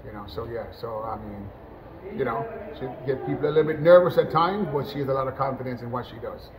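A middle-aged man from Jamaica, a national team football coach, talking in a relaxed post-match interview over a webcam, full of "you know" fillers and restarts. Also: mid-range voice, fast talker, crowd noise, rough recording. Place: indoors, in front of a sponsor backdrop.

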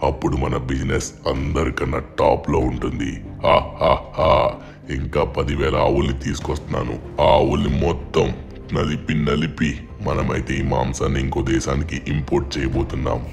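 A man playing a deep-voiced gloating crime boss. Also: steady tone, moderate pace, vocal fry, faint music behind, heavily acted. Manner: gloating, boastful. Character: greedy ruthless male meat-smuggling boss. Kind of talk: voiced game machinima story.

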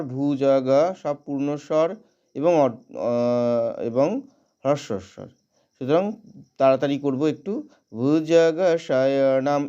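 A man teaching how to pronounce a Sanskrit prayer, chanting verses slowly and breaking each word down syllable by syllable. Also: medium pitch, warm tone, dull audio. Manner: slow drawn-out chanting of verses, brisker spoken explanations. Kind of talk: chanting a prayer, then explaining pronunciation.

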